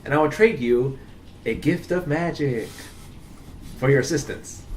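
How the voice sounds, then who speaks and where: A man's voice: a little high, a little slow, a little hiss or hum, lightly acted. A man voicing a formal, overly polite male spellcaster adventurer in a tabletop game, speaking with grand courtesy. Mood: courteous.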